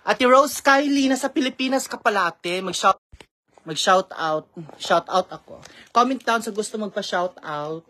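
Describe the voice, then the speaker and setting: Woman vlogger, casual live-stream chat, mid-range pitch, talkative, keeps reading viewer shout-outs. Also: normal speed. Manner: code-switches freely with English.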